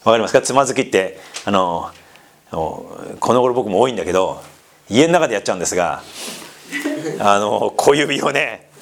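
A man's voice: lowish voice, expressive, normal speed. A man preaching a sermon in a conversational way, asking the congregation questions and slipping into casual asides. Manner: mixes polite speech with casual asides. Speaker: pastor.

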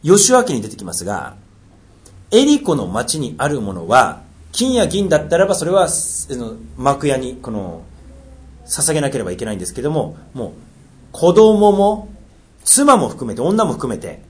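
A man preaching a sermon, reading scripture aloud and dropping into low, quiet asides between passages. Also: wildly swooping pitch, normal speed. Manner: swings between raised reading and low asides, jokes lightly. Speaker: pastor.

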